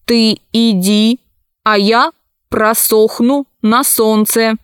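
A woman doing a slow, toneless robot voice. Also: fairly high pitch, fairly even intonation, clean tone, no room sound, studio quality. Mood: flat. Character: emotionless male robot, slow flat speech. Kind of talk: storybook reading.

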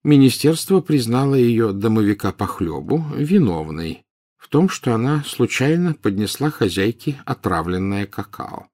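A male audiobook reader voicing an old wizard headmaster who speaks quietly and gravely. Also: medium pitch, very animated, moderate pace, voice pushed up. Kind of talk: audiobook character voice.

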